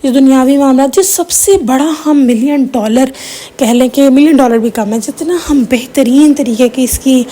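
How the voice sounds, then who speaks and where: A woman's voice: high voice, warm tone. A woman giving an informal religious talk to her viewers, chatty and personal, slipping English words in as she tells stories. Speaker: religious teacher.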